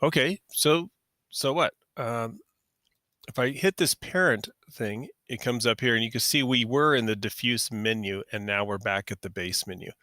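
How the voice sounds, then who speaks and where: Bright, casual male software tutor. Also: mid-range voice, normal speed, no room sound, clean studio sound. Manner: casual, talks through each click, self-correcting. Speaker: software instructor. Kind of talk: screen-recorded tutorial.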